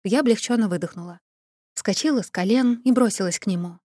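Woman audiobook narrator, first-person fantasy, expressive, dry close studio sound. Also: medium pitch, quick pace, no room sound.

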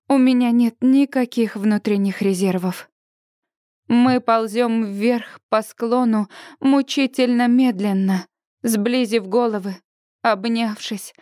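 A woman narrating a first-person audiobook in an expressive, dramatic reading style. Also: a little high, no room sound, studio quality.

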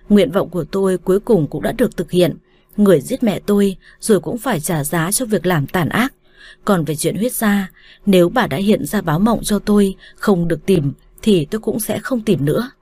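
A woman reading a first-person romance story aloud as an audiobook narrator, in a calm, measured way. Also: fairly low pitch, slightly rough, no echo.

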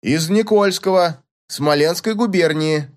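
A man reading a story aloud and voicing an excitable, fussy provincial farm manager in a raised, anxious tone. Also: a little high, measured pace, pitched above the performer's own voice, lightly acted.

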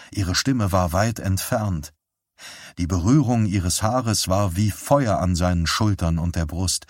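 A male audiobook narrator reads in a calm, measured way. His voice is very deep, with a husky edge. The recording is dry and close, with no room echo. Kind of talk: scripted narration.

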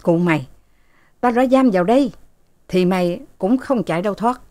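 A woman's voice: medium pitch, lively intonation, moderate pace, mellow, close to an everyday voice. Woman reading as a haughty scolding mistress. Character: bossy, harsh rich mistress, middle-aged woman.

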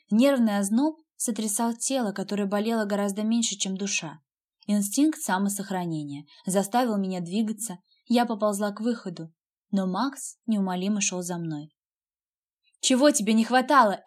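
A woman's voice: medium pitch, normal speed, a little mellow. A woman narrating a first-person audiobook in a tense, fearful storytelling manner.

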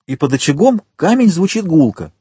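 An adult man voicing a humble, excitable prison gatekeeper in a storybook reading. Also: fairly high pitch, fairly quick, breathy edge, no echo, pitched above the performer's own voice, full character voice. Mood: eager. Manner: eager, excitable, pleading. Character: poor humble jailer, eager and amazed.

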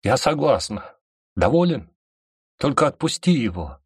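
A man's voice: sits low, very animated, unhurried, slightly rough, no room sound, clean studio sound, voice pushed up, exaggerated voice. A man reading an audiobook and voicing a desperate young woman who pleads and cries out. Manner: pleading, crying out. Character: desperate young heroine, fierce and frightened.

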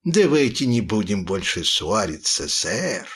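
A man voicing a sly, hoarse pirate who speaks with oily, mock politeness in a storybook reading. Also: lowish voice, very animated, measured pace, fairly bright tone, voice pushed down, exaggerated voice.

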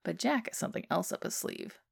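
A woman reading a fan fiction story aloud as narration in a steady, even way. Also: lowish voice, fairly quick, gravelly, slightly rough. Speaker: podfic reader.

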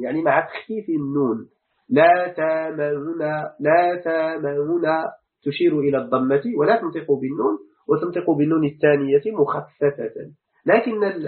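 A man with a Moroccan Arabic accent, teaching a lecture on Quran commentary and explaining step by step, repeating words slowly for emphasis. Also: a little high, phone-quality sound.

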